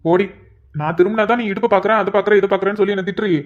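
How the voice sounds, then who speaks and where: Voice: medium pitch, fairly even intonation, racing, lightly acted. An exasperated young cartoon husband, voiced by a performer, pleading and sighing to himself. The audio is a little dull and lo-fi. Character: flustered young married man, patient and exasperated.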